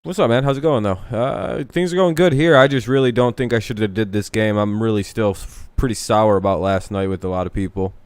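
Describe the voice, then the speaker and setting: Male streamer host, low clear voice, profane casual ranting. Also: a little fast, few pauses, no room sound. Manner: profane, ranting, says "dude" constantly. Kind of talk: casual watch-along chat.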